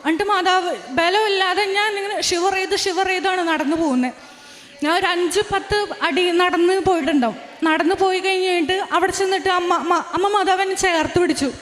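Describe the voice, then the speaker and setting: Casting: very high-pitched young woman, earnest testimony, echoing hall. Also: a bit bright. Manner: earnest, halting, with restarts and quoted dialogue. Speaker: testimony giver. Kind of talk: giving a spoken religious testimony. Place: large prayer hall. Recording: long hall reverb.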